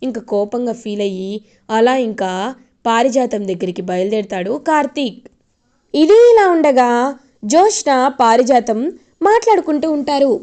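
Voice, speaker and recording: A woman retelling the plot of a TV serial in a chatty, animated way. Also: fairly high pitch, moderate pace, pauses often.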